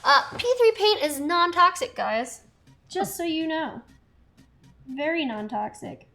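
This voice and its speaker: A woman's voice: high voice, lively intonation, measured pace, pushed and bright, soft background music. A woman in her thirties hosting a stream, chatting casually and laughing often while she paints. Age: 30s. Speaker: stream host. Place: studio set with a table.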